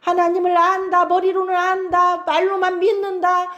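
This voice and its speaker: A woman's voice: very high voice, monotone, normal speed, bright, forceful tone, dull audio. A woman preaching an expository sermon, keeps prompting her listeners.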